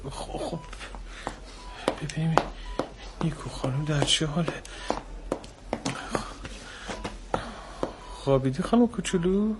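An actor playing a young male nurse in a hospital drama, gentle with a child and then pleading. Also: a little high, background noise. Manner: pleading, breaking into sobs. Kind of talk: TV drama acting. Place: hospital emergency ward set.

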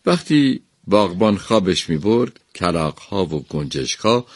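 A man narrating a folk tale in a measured, even storytelling voice. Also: sits low, no room sound, clean studio sound.

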